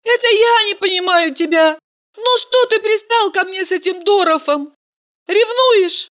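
Woman plays a chirpy, teasing young heroine; squeaky-high, bubbly, exclaims a lot. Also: measured pace, a bit bright.

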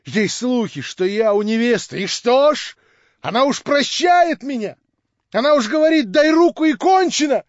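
A man voicing an excitable, eager young man who pleads in high, loud exclamations. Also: moderate pace, dry recording. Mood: ecstatic pleading. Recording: dull dry lo-fi recording.

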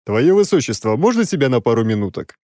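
An exasperated, sarcastic six-armed demon, as a male audiobook reader puts him on, scolding in a raised, mid-pitched voice. The storybook recording is dry and close, with no room sound. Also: big pitch swings, quick pace, warm tone, dry recording, lightly acted.

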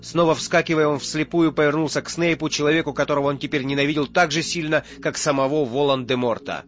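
Man narrating an audiobook, slightly high voice. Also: fairly even intonation, fast talker, fairly bright tone. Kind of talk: scripted narration. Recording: muffled audio with faint music.

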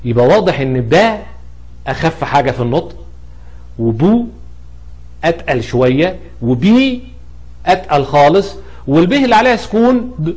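A teacher with an Egyptian Arabic accent walks through spelling rules in a slightly high male voice. He poses questions and answers them himself, one step at a time. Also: very animated, normal speed, pauses often, darkish tone. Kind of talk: explanatory grammar lesson.

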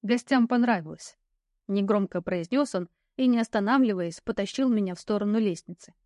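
A woman narrating a fantasy audiobook in the first person, with lively, ironic storytelling. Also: mid-range voice, fairly quick, no echo, studio quality.

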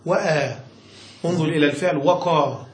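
A man's voice: fairly high pitch, a little fast. Man, grammar lesson, reads text and explains, keeps checking understanding, roomy echo. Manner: checks understanding with frequent questions; reads passages aloud then explains them. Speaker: Arabic grammar teacher. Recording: echoey room with faint noise.

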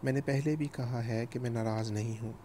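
A man's voice: medium pitch, fairly even intonation, warm tone, slight background noise, lightly acted. A man reading a cold, bitter young wife.

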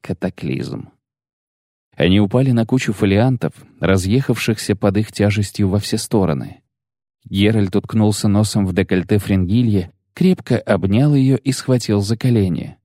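A man reading an audiobook with a low, mellow voice. His narration is measured and even, close to the mic in a dry, deadened sound. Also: no room sound. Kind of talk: scripted narration.

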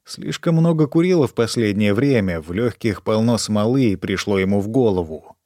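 A man narrating an audiobook in a measured, even reading. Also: lowish voice, no echo, clean studio sound. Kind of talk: scripted narration.

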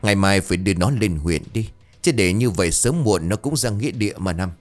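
A gruff, dismissive village father who scoffs at ghosts, as a male narrator plays him. The voice stays lowish but lively. It is heard in a spoken ghost story. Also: brisk, faint music behind, close to an everyday voice. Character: stubborn skeptical middle-aged village father.

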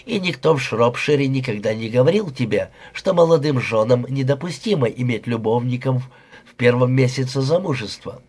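A man's voice: medium pitch, animated, moderate pace, a little mellow, husky. A man voicing a young jealous husband who sneers, insults and flies into rages, read aloud in an audiobook. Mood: sneering. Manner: sneering, explosive.

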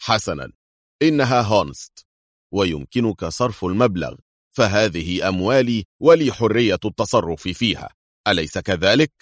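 A man's voice: fairly low pitch, lively intonation, moderate pace, no room sound, studio quality. A man voicing an impatient male bank client on the phone.

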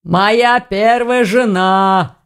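A woman doing a hoarse, grumbling old orc. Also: extremely slow. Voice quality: hoarse bass. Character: gruff old male orc armorer, grumbling. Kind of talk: audiobook reading.

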